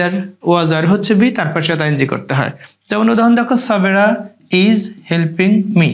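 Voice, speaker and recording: A man teaching a grammar lesson, patiently repeating each rule step by step. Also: high-pitched. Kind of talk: grammar lecture.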